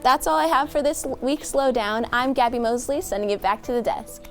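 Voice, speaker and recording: A teenage girl brightly reading scripted school announcements as a student announcer. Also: sits high, a little fast, soft background music. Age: teens.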